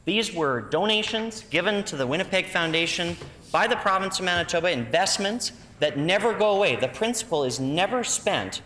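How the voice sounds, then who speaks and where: A man's voice: sits high, animated, moderate pace, pushed and bright, a little hiss or hum. A man with a Canadian accent giving a combative, critical, emphatic speech as an opposition legislator. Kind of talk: parliamentary debate speech. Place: large indoor legislative chamber. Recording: reverberant legislative chamber.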